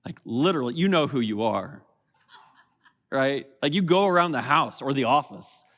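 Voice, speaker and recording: A man preaching a sermon as pastor, conversational and animated, acting out little quotes from everyday people. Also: medium pitch, normal speed. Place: church auditorium.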